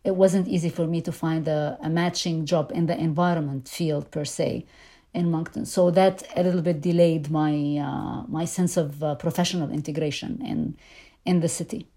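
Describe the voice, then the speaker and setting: Her voice is deep and dark with a steady tone, and she talks briskly. She is a middle-aged immigrant from Lebanon, a native Arabic speaker, thoughtfully answering questions as a guest in a conversational interview, with many fillers and restarts.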